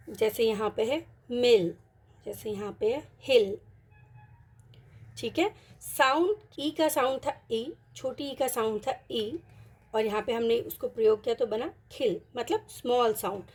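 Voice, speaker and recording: A woman teaching an online Hindi lesson, patiently mixing in English words and repeating each example word slowly. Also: fairly high pitch, darkish tone, breathy edge.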